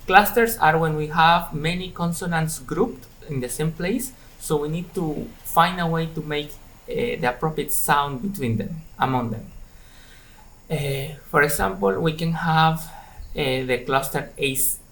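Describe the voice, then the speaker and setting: A man leads a pronunciation lesson at an unhurried, measured pace. His voice sits a little high for a man. He repeats practice words carefully so listeners can copy them. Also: fairly bright tone, poor audio. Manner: slow, deliberate, repeats words for drilling. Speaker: pronunciation teacher.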